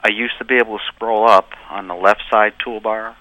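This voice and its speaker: A man from Ohio calls in to a radio show over a landline phone, explaining a problem in a halting way with many ums and checking okays. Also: fairly low pitch, fairly even intonation, lo-fi sound. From Ohio, USA. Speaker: caller. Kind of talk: call-in radio caller describing a computer problem.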